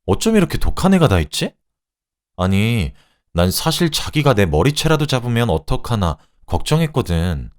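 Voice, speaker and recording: A man's voice: big pitch swings, moderate pace, lightly acted. A man voicing a smug, sarcastic mistress with a raised, sneering voice. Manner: sneering, sarcastic, shrill when angry. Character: smug, sneering mistress who turns shrill.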